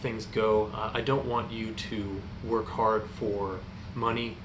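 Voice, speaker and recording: A young man giving an informal youth group sermon in an earnest, halting, hesitant way. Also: fairly low pitch, level tone. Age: young adult. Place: indoor room in front of a stone fireplace. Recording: echoey room, clear background noise.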